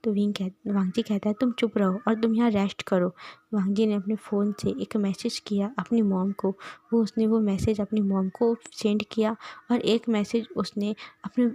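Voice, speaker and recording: A woman's voice: medium pitch, steady tone, moderate pace, mellow, slightly rough. A woman casually retelling a fan-fiction romance, half-whispered, with frequent restarts. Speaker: storyteller.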